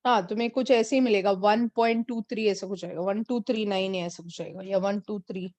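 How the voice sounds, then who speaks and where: A woman physics teacher, mixing Hindi and as she teaches an online class and slowly repeats numbers for her students. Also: medium pitch, fairly even intonation, a little mellow, no room sound. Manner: mixes Hindi and English.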